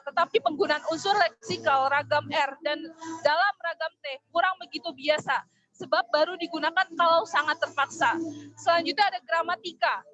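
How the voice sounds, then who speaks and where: A young woman with a high voice reads her section of a class presentation from notes, measured and a little hesitant at times. The recording sounds dull and lo-fi, with the top end rolled off. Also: fairly bright tone. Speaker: student presenter.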